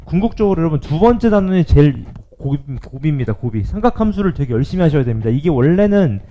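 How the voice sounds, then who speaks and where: A male math teacher giving a lively classroom lecture, often checking in with his students. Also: on the high side, quick pace, dull audio, slight background noise.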